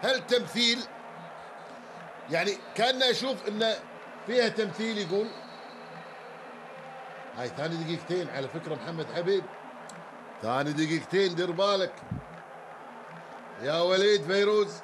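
A man with a Kuwaiti Arabic accent giving live handball commentary, excitable and shouting often, repeating phrases again and again. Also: sits high, moderate pace, long pauses, background noise.

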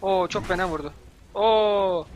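Excitable young man yelling at a game. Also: high-pitched, unhurried. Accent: Turkish. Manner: yelling and cursing at the game, exasperated. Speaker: gameplay commentator. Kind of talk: let's-play commentary.

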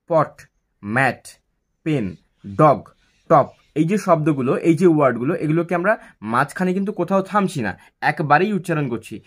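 Man teaching syllables in a raised voice. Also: fairly high pitch. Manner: repeats words slowly, syllable by syllable; asks questions then answers them. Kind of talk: explaining English grammar lesson.

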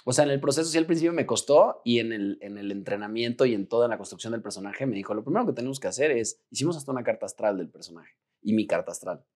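A man's voice: mid-range voice, fast talker, hardly any pauses. Mexican guy in his 30s, chatty and slangy, acts out what he was thinking. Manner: animated, slangy, acts out his own thoughts. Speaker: actor and guest. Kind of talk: casual interview chat.

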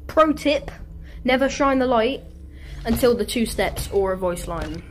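A woman playing a horror game from her bedroom, with excitable, squealing commentary and sudden yelps. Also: on the high side, a little slow, slight background noise. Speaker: gaming YouTuber. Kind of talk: excitable let's-play commentary. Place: home bedroom. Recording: faint game music behind.

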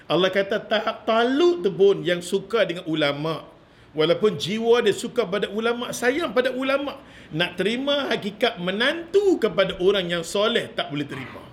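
A middle-aged man with a northern Malaysian Malay accent, giving a religious lecture as an animated storyteller who chuckles and keeps asking the audience rhetorical questions. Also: high voice, normal speed. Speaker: religious teacher.

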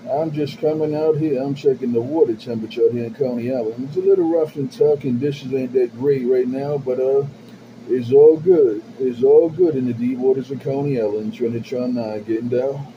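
Speaking from his base station, a man chats over a CB radio channel, his medium-pitched voice fairly quick and coming through muffled and lo-fi. Loud static hisses behind the transmission. He keeps returning to the same rhythmic call-outs and sign-offs.

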